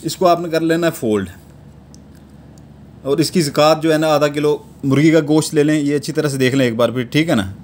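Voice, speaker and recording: A man with a Pakistani Urdu accent calmly teaching how to draw a charm step by step, checking in with a repeated tag after each step. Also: fairly high pitch, slight background noise. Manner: unhurried, repeats a verbal tic after nearly every step. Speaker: amulet-making teacher. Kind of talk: step-by-step instructional talk.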